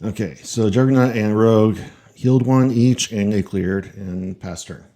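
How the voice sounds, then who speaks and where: A man playing a tabletop miniatures game, talking through his turn in a measured, dry way. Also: lowish voice, warm tone. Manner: measured, dry, counts moves out step by step. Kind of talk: casual game-table chat.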